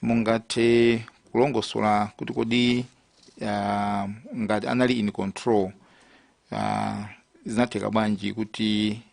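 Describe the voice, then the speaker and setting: A Malawian man putting formal questions at a hearing as a committee member, hesitant and deliberate in his delivery. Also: fairly low pitch, level tone, creaky, darkish tone, no echo.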